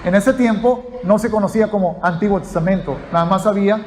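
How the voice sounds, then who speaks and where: A man's voice: high voice, fast talker, a little mellow, a little hiss or hum. A man teaching a sermon, explaining step by step and checking in with his listeners. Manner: explanatory, addresses listeners as brothers, asks "ok?". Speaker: pastor.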